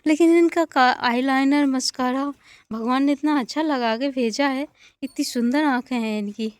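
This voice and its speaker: Young woman, high voice, dry close sound, playful and coaxing, village vlog outdoors. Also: moderate pace, clear, resonant tone, no echo. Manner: playful, coaxing talk to calves, laughs often. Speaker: village vlogger. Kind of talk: casual vlog chat. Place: outdoors at a village cattle shed.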